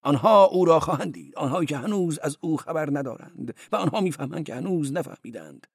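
A high, sing-song male church porter who giggles, gushes and preaches at whoever will listen, as a male reader puts him on. His voice swoops up and down with lively, lecturing delight. The audiobook sound is dry and close. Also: breathy edge, dry recording. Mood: sly, gleeful. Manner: giggling, effusive and sly, lecturing.

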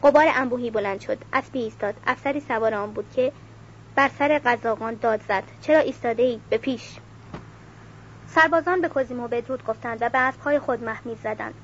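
A woman reading a novel aloud in a steady, even voice, now and then correcting a slip. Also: fairly high pitch. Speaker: audiobook reader. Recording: dull lo-fi recording with faint hiss.

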